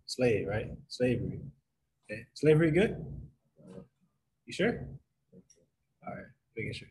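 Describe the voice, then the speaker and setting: A man's voice: mid-range voice, sing-song, measured pace, a little mellow, poor audio. A man teaching a Bible lesson to a group in a casual way, often checking in with his listeners. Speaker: youth Bible study leader.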